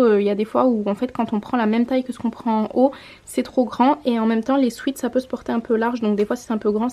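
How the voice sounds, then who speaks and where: A twenty-something mom vlogger talks casually in a haul vlog, displaying clothing for the camera and correcting herself as she goes. She speaks in a slightly high, dark-toned voice from a home room next to a window.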